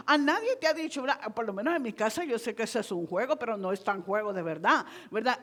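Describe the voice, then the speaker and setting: A woman preaching a Spanish-language sermon in a church, talking conversationally and constantly checking in with the congregation, slipping in English words like "so". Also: on the high side.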